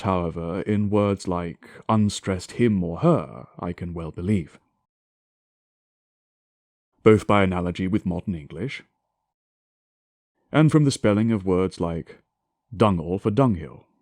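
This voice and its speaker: A man giving a scripted scholarly lecture in a formal, deliberate, declamatory way, with emphatic enunciation and touches of reconstructed Shakespearean English pronunciation. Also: deep voice, expressive, a little mellow, no room sound, clean studio sound.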